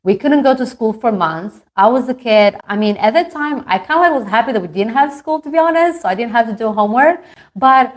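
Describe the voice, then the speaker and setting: A woman's voice: fairly high pitch, expressive, brisk. Direction: chatty woman in her thirties. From Albania. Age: 30s. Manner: chatty and earnest, many fillers. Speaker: marketing coach and company founder. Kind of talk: motivational talk to an online group.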